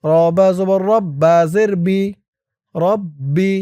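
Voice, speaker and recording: A man teaching Quran reading in Bengali style, spelling each syllable slowly and then chanting the words drawn out. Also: sits high, mellow, no room sound, studio quality. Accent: Bangladeshi Bengali. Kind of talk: letter-by-letter Quran reading lesson.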